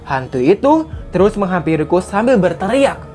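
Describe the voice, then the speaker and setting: A woman's voice: on the low side, very animated, normal speed, darkish tone, faint music behind. A woman reading short horror stories aloud and chatting about each one, full of exclamations and laughter. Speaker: horror story YouTuber.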